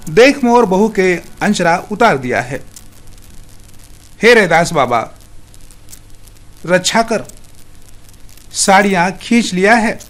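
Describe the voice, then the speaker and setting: A man's voice: high voice, fairly bright tone, full character voice. A man voicing a grief-crazed old village father who cries out and begs in rustic dialect.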